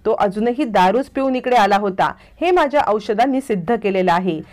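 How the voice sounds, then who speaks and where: A woman's voice: medium pitch, animated, moderate pace, a little mellow, lightly acted. A woman reading an earnest young village woman. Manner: earnest, explaining.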